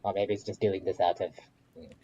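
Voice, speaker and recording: A man's voice: sits low, fairly even intonation, a little fast, dark tone, lo-fi sound, slight background noise. A man playing a tabletop game, talking in character with wry, grumbling remarks and casual swearing.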